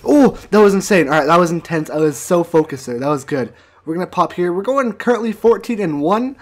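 Excitable young man doing game commentary. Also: high-pitched, fairly quick. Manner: excitable, yelps when things get intense. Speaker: gaming commentator. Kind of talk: live gameplay commentary. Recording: faint music behind the voice.

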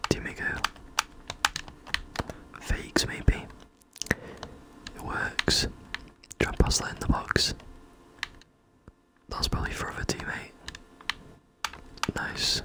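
A person whispering short, low-key ASMR commentary while playing a game, in a breathy, unvoiced voice close to the mic. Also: takes it slowly, pauses often, poor audio. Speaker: gaming video host. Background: keyboard or controller clicking.

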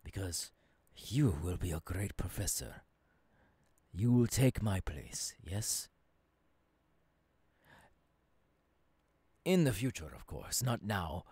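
A voice actor performs an ASMR audio roleplay, fully in character as an earnest, visionary professor mentoring an apprentice in an intimate second-person monologue. His low, warm, sing-song voice is breathy, slow and deliberate, with halting phrases dipping into whispers, reassuring and fervent. He's close to a dry mic with no echo.

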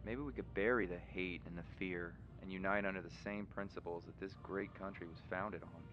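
A man voicing an earnest, weary leader making a solemn, measured address in an animated game parody. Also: low voice, background noise, natural voice. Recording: dull broadcast sound under loud music.

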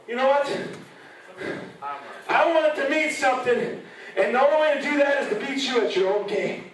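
A man cuts an emphatic wrestling promo at a very high pitch. His voice reaches us from far off in a very echoey hall, with a clearly audible crowd around him. He is impassioned and repeats himself for weight. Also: moderate pace. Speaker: pro wrestler cutting an in-ring promo. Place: indoor banquet-style room with wrestling ring, crowd around. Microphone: handheld microphone through room speakers, heard from far camera.

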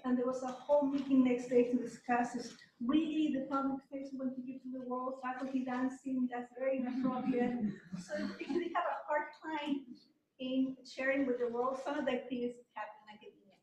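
A high-voiced woman from Chile gives a relaxed, self-deprecating lecture in a university seminar room. She is picked up from across the room, so her voice comes through roomy and distant, with a faint hum behind it. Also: fairly quick. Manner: conversational, self-deprecating, occasional light laughs. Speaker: guest speaker. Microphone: far room camera. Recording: distant echoey room mic.

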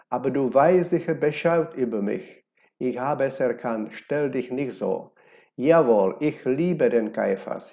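A man's voice: medium pitch, creaky, dark tone. A man voicing a passionate, defiant young unmarried woman in a read-aloud novel, speaking in a heated, accusing way. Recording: dull lo-fi recording.

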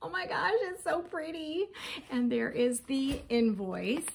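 Woman in her 40s, casual crochet vlogger, chatty and giggly, light vocal fry, home kitchen. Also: sits high, sing-song, measured pace. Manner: chatty, laughs often, reads labels aloud. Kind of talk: casual yarn haul chat.

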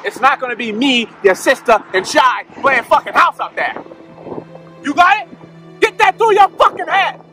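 A man's voice: extremely high pitch, moderate pace, few pauses, faint music behind. A man acting out a tough, profane young Boston movie townie with a Boston accent in a comedy sketch. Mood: angry, loud. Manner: profane, combative, swings from muttering to shouting. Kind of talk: comedy sketch parodying crime-film dialogue. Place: outdoors on streets and in a car. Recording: noisy outdoor and in-car ambience.

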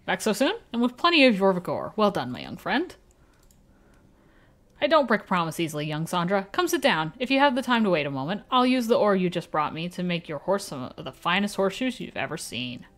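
A woman voicing a kindly older male village blacksmith in a vague put-on accent, reading game dialogue aloud in a formal, warm way. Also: on the low side, big pitch swings, fairly quick.

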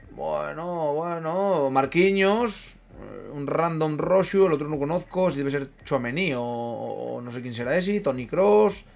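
A gaming streamer with an Asturian Spanish accent casually commentates his football video game in a higher-pitched voice with vocal fry. He swears freely, repeats himself, and reacts loudly to every play.

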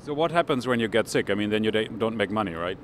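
Brief: man, 40s, German accent, street reporter with a handheld mic, halting English, faint street noise behind. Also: lowish voice, lively intonation. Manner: hesitant, many ums and uhs in English. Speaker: finance correspondent and interviewer. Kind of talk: street interview, report to camera. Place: outdoors on a city street. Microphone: handheld microphone.

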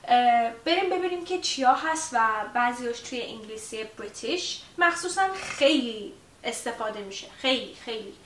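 A woman teaching a casual language lesson in a chatty way, with many fillers, who repeats her example phrases slowly. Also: a little high, lively intonation, fairly bright tone. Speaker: English teacher. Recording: roomy echo, distant mic, faint hiss.

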